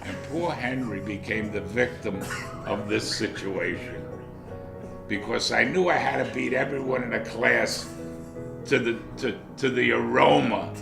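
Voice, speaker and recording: An older grandfather telling animated stories from his childhood in an interview. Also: medium pitch, unhurried, gravelly. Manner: animated, lively storytelling. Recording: roomy echo with faint music.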